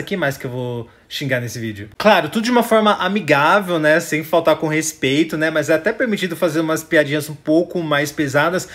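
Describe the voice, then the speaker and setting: A man's voice: a little high, fairly bright tone. A man with a Brazilian Portuguese accent giving chatty, opinionated reaction commentary to his viewers, often tossing in tag questions. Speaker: YouTube commentator.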